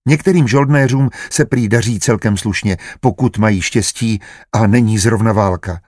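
A man's voice: fairly low pitch, a little mellow, dry recording, studio quality, close to an everyday voice. A man voicing a cautious, earnest young woman.

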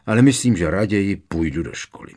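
A man's voice: deep voice, a little mellow. A man voicing a grumpy, whiny teenage schoolboy in an audiobook reading. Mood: sarcastic.

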